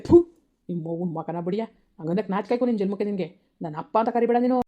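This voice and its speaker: A woman voicing an angry village father who shouts and curses at his daughter in a harsh, bitter way. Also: mid-range voice, quick pace, lightly acted. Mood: raging. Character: furious village father, harsh and cursing, man. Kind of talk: village family drama acting. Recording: dull lo-fi recording.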